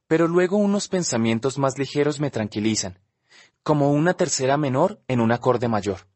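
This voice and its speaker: A man narrates a novel in the first person at a calm, measured pace. His voice sits in a middle pitch. The recording is close and dry, with no room sound. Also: no echo. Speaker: audiobook narrator.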